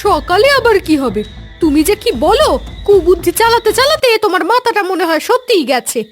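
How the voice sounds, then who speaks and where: Cartoon: actress as a scolding village wife, very high, animated voice. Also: female voice, fairly quick, faint music behind. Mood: nagging. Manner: questioning, scolding. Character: nagging, curious village wife, quick to question.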